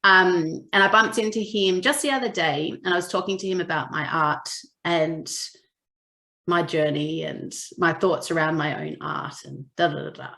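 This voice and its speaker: A woman's voice: sits low, moderate pace, gravelly, pushed and bright, reverberant. A woman co-hosting a podcast, chatting casually and telling stories with acted-out quotes. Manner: chatty storyteller, acts out quoted lines. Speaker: podcast co-host. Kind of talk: casual chat.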